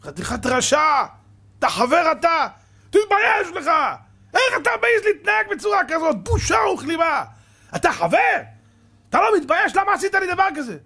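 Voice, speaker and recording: A man acting out an indignant lender who shouts at his friend in a sermon parable. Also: extremely high pitch, big pitch swings, creaky, voice pushed up, exaggerated voice. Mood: furious. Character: furious male lender scolding his friend.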